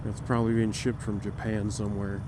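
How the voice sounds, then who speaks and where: Male motovlogger, casual rambling talk with swearing, voice captured inside a helmet, clear vehicle noise behind. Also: on the low side, little pitch movement, a little fast. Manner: speaking from inside a motorcycle helmet. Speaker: motorcycle vlogger. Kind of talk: casual chat while riding. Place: inside a helmet, riding outdoors. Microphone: microphone taped to helmet. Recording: wind and engine noise, helmet mic.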